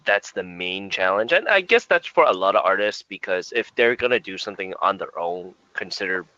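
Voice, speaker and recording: A man with a lowish voice and a bright, forceful edge talks loosely on a music podcast. He rambles and fills gaps with "um" and small chuckles. The sound is dry and a little dull, like a lo-fi home mic. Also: a little fast, dry recording. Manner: relaxed, rambling, frequent fillers and chuckles. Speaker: podcast co-host. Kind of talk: casual music podcast chat.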